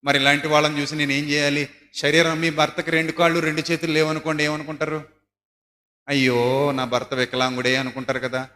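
Male pastor, bright forceful tone, long hall reverb, emphatic sermon style. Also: flat delivery, fast talker. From South India. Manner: emphatic, swinging from loud high exhortation to low soft asides. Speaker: preacher. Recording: echoey hall.

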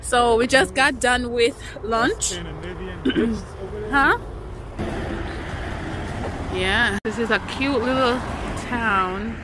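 Woman vlogger talking slow into her phone in the car, loud road noise all around. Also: on the high side. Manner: chatty, laughs often, talks to camera. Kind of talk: casual travel vlog. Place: in a car, then outdoors on a town street. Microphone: handheld phone camera at arm's length. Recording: noisy car and street sound.

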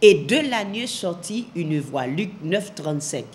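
A woman's voice: lowish voice, animated, measured pace, slight background noise. A woman giving a televised Bible teaching, emphatic, repeating her phrases and asking the viewers rhetorical questions.

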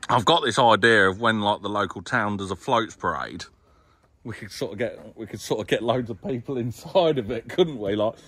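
A man's voice: fairly low pitch, moderate pace, sharp tone. Chatty farmer vlogging on his phone. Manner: chatty, jokey, matter-of-fact storytelling. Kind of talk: casual vlog chat. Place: outdoors in a farm yard and indoors in a workshop. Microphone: handheld phone at arm's length.

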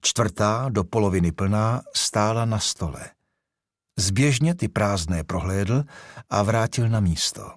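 A man narrating an audiobook in an even, measured way. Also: lowish voice, no room sound, clean studio sound. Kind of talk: scripted narration.

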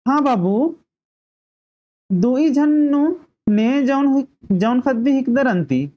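A woman voicing a hospitable old village mother who asks slow, coaxing questions, on a dull lo-fi recording. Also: high voice, animated, pitched above the performer's own voice.

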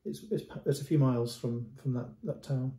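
A man's voice: mid-range voice, moderate pace, warm tone. A middle-aged man presenting a painting to camera in casual, unscripted commentary, often repeating words and restarting as he gestures at the canvas. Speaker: antiques dealer. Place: indoor room at home. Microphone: camera at close range. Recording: roomy echo.

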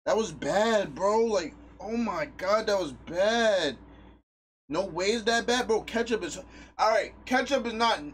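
A man streaming live from home, talking loudly and crudely to his chat with lots of swearing. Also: high-pitched, normal speed, a little hiss or hum. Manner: loud, crude and profane, reacting to chat. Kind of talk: casual live stream talk.

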